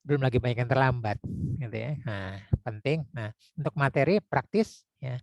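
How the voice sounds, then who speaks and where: A man teaching public speaking in a casual lecture, talking conversationally with frequent tag words and demonstrating deep and high vocal tones. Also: moderate pace, creaky, darkish tone, no echo. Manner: conversational, frequent "ya" and "gitu ya" tags.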